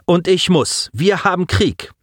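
An ice-cold female starship lieutenant, put on by a male narrator, raising her voice well above his own. She speaks calmly and cuttingly, with sudden lively leaps in pitch. Her lines come from a dry, close audiobook recording. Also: a little slow, dry recording, heavily acted. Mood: icy, scornful. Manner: icy, calm and cutting, with cold laughs.

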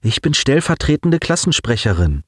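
A man voicing a calm, clever, self-assured teenage girl in an audiobook, raising his voice for her. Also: medium pitch, normal speed, husky, dry recording, clean studio sound, voice pushed up. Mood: plain.

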